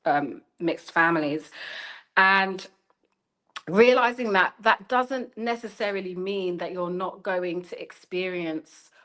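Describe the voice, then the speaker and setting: A woman in her thirties talks as an interview guest in a somewhat low voice. She is reflective and searching, restarting phrases and leaning on "you know" as she works through her ideas. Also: slow pace, fairly bright tone. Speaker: guest, journalist and storyteller. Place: lives in China.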